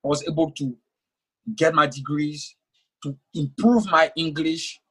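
Here a young author whose first language is French speaks earnestly in a conversational interview, repeating words often as he gathers his thoughts. His voice sits on the high side at a measured pace, pushed and bright and slightly rough, on a low-quality recording.

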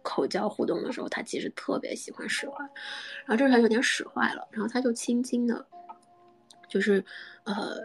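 A woman host telling a personal story in a soft, halting way, often dropping into a whisper. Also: a little high, slightly rough, soft background music, low-quality recording. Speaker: podcast host. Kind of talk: intimate storytelling.

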